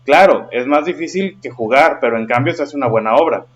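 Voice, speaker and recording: A man's voice: medium pitch, a little fast, lightly acted. A man reading the lines of a friendly adult night watchman who is recruiting children, in a slightly dull recording. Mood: inviting.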